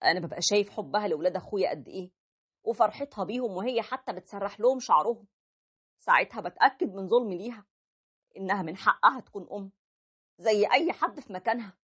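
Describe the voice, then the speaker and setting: A woman's voice: medium pitch, animated, quick pace, a bit bright, husky. A woman voicing a tender, apologetic young husband who narrates his own story, with an Egyptian accent. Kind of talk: animated story voice acting.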